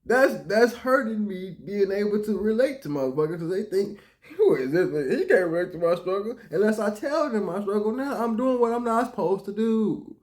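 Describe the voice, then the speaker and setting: A man doing reaction commentary on clips, talking casually with profanity and swinging between low mutters and loud outbursts. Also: expressive, brisk.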